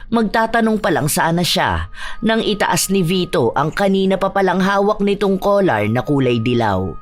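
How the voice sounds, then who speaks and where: Woman narrating a somber tale. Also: on the low side. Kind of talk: scripted horror story narration.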